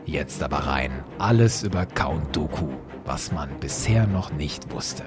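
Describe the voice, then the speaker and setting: Loud music plays behind this podcast host's rumbling low voice as he unhurriedly and expressively explains things to listeners. His solo narration addresses them directly in an emphatic, conversational, orderly way.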